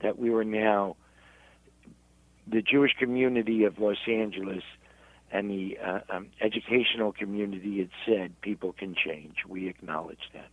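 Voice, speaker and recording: Man, rabbi, halting storytelling, tinny phone sound, dry. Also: on the low side, steady tone, no room sound. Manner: halting, repeats words while searching. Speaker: rabbi and guest. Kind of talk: storytelling in a radio interview.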